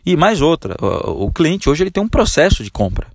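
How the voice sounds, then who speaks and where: A man's voice: a little high, big pitch swings, brisk, no echo, studio quality. A man hosting a sales podcast, scolding his listeners bluntly and with profanity, and keeps asking whether they understand. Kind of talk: ranting podcast monologue.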